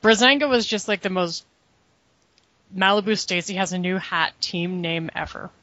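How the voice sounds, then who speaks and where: A woman's voice: fairly low pitch, moderate pace, fairly bright tone, lo-fi sound. A woman co-hosting a casual chat, recapping events with dry, sarcastic asides. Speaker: podcast co-host recapping wrestling.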